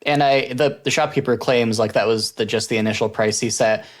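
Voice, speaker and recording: A man co-hosting a podcast, discussing a book casually, thinking out loud and adding dry joking asides. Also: mid-range voice, steady tone, fairly quick. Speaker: podcast co-host.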